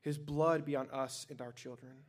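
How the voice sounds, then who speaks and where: A man's voice: mid-range voice, fairly even intonation, normal speed, close to an everyday voice. A man reading as an angry crowd. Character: angry shouting crowd of leaders. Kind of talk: scripture reading.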